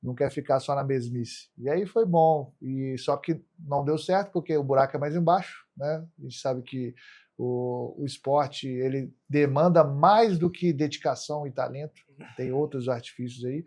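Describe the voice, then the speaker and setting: Speaking at a moderate pace in a medium-pitched, darkish voice, a Brazilian man who is an athlete chats as a podcast interview guest. His storytelling about himself is colloquial, peppered with tag questions asking for agreement.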